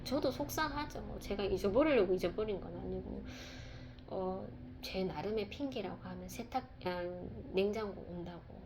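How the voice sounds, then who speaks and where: Woman, conversational testimony, mid-pitched, soft and reflective, faint background hiss. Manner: soft-spoken and reflective, with pauses and fillers. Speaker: speaker sharing a personal testimony. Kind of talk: casual testimony talk.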